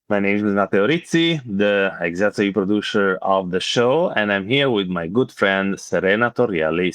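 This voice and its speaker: An Italian-accented man with a low, smooth, resonant voice hosts a relaxed interview. He speaks haltingly and fills his pauses with "uh". The recording is dry and close. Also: dry recording. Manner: halting, many "uh" fillers. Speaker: podcast host. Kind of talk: casual interview.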